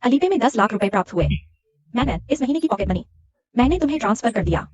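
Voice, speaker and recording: A woman's voice: on the high side, sing-song, quick pace, breathy edge, dry recording, dull audio. An actress dubbing a doting, fussing mother-in-law who is eager for a grandson.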